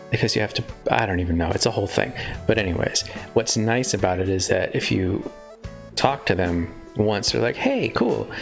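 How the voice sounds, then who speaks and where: A man's voice: on the low side, gravelly, a bit bright. A man chatting casually on a live stream, rambling and breaking off mid-sentence to joke. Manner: chatty, rambling, self-interrupting. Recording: faint guitar music behind.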